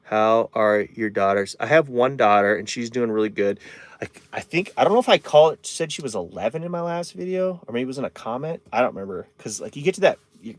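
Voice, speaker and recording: A man's voice: medium pitch, no echo. A man in his thirties chatting casually on a live stream from inside his camper van, rambling and answering viewer comments.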